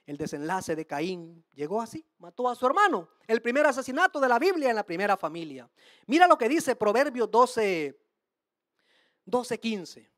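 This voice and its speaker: A woman preacher delivers a sermon with a lively, swooping delivery. She presses her listeners with rhetorical questions and calls them brothers and sisters. The sound is close and dry. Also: on the high side, normal speed, dry recording. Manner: addresses the audience as brothers and sisters; streams to listeners online.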